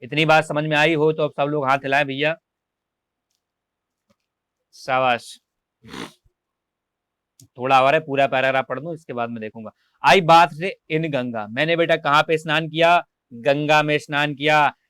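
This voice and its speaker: A man's voice: fairly high pitch, fairly even intonation, moderate pace, long pauses, a bit bright, clear, resonant tone, no echo. A male teacher, leading an online class. He reads English lines and explains each word, asking and answering his own questions. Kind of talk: online class lecture, translating English text.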